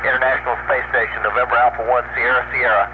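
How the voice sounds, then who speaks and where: A man's voice: medium pitch, little pitch movement, narrow, tinny audio. Man over fading, static-filled shortwave radio. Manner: halting, with many uh fillers. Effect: fading shortwave radio with heavy static. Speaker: astronaut calling from a space station. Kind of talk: amateur radio contact with call signs. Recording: thin radio band with loud static hiss.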